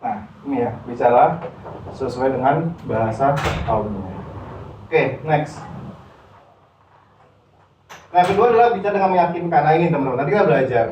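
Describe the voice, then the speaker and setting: A male trainer leads a relaxed public speaking workshop, chatting directly with his students in a slightly raised voice. He sounds set back from the mic in a roomy classroom, and the recording is dull and lo-fi. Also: on the high side, normal speed, pauses often, slight background noise. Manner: chatty, addresses audience directly, mixes in English terms. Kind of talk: casual workshop lecture to students. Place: university classroom. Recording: echoey room, distant mic, dull lo-fi sound.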